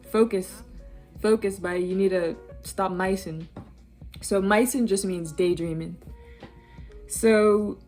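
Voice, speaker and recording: A young woman with a Bermudian accent chats in an unhurried, easygoing way, her voice sitting a little low. She talks to her viewers like friends, with fillers and small laughs. Soft music plays faintly behind her. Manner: chatty, laughs often, many fillers. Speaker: vlogger. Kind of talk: casual vlog explaining slang.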